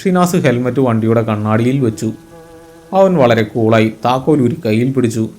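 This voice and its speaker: A male storyteller narrates a first-person horror story at a measured, suspenseful pace. His voice is mellow and warm, with an ordinary middle pitch.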